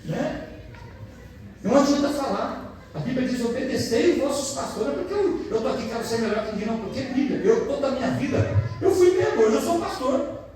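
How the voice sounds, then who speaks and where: Brief: Brazilian male pastor, very high-pitched preaching voice, telling stories and asking the brothers for amens, heard from well back in a booming church hall. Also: lively intonation, fairly quick, a little mellow. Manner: addresses the congregation as brothers, asks for amens. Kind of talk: preaching sermon with personal testimony. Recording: very echoey church hall, mic far off.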